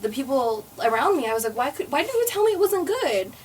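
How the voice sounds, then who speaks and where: A woman in her twenties with a fairly high voice tells her story in an animated, joking way, as a singer guest on a casual podcast. She sits a little away from the mic, with a faint hiss of background noise behind her. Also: fast talker, far from the mic. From United States. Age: 20s. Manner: animated storyteller, jokey, talks to viewers.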